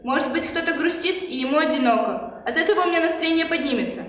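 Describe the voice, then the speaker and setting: A woman's voice: extremely high pitch, fast, a bit bright. A woman playing a bored, spiteful, imperious snow queen in a children's stage play, haughty and scolding. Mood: irritated. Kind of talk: theatrical children's fairy-tale stage play. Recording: distant, very echoey hall, faint noise.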